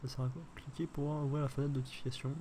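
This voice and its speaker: A man's voice: mid-range voice, level tone, racing, mellow. Man, French accent, casual gameplay chatter, joking, thinking aloud, faint keyboard noise behind. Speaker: gaming streamer.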